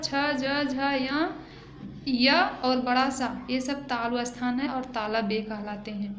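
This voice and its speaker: A high-pitched woman with an eastern Uttar Pradesh accent teaches grammar to schoolchildren, going slowly and checking that they follow. The room rings with echo and there is a faint hiss behind her. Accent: eastern Uttar Pradesh Hindi. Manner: slow, explaining, repeats and asks "है ना". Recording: echoey room with faint noise.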